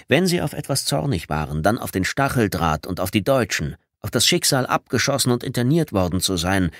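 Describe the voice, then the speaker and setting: A male reader tells the story in a low, even voice with a measured, dramatic pull. It is a clean studio audiobook recording, very dry and close to the microphone. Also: gravelly, no room sound. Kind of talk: scripted audiobook narration.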